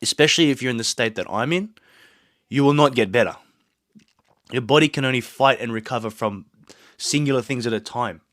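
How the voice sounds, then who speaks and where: The man's mid-range, fairly bright voice moves briskly but with long pauses, and there's no room sound. Sick with a sore throat and blocked nose, he records his own podcast alone in a small home studio, an earnest, motivational monologue that keeps slipping into rambling asides.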